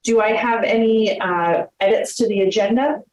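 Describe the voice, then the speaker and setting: A woman chairs a town committee meeting, running it with many fillers and hesitations. Her voice is medium-pitched, a little mellow and at normal speed, and the audio is dull, recorded in a roomy, echoey meeting room.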